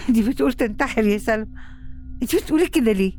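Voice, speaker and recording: A woman's voice: a little high, expressive, racing, a little mellow, soft background music. An actress with an Egyptian accent playing a middle-aged mother, insistent and agitated with worry over her absent daughter. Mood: anxious. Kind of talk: audio drama acting.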